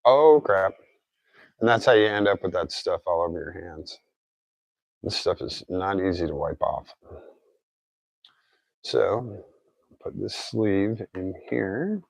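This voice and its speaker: This gravelly, low-pitched man sounds animated yet a little slow, leaving long pauses in a dry recording. He presents DIY car repair, narrating a casual hands-on tutorial and thinking aloud informally as he goes. Recent oral surgery has left his articulation slightly off.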